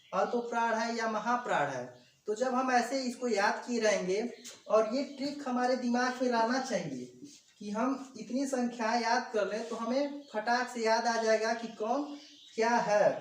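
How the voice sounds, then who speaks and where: A grammar teacher giving an exam-prep video lesson, explaining step by step and sounding out letters slowly, addressing viewers as friends. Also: medium pitch. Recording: echoey room, distant mic, faint background hum.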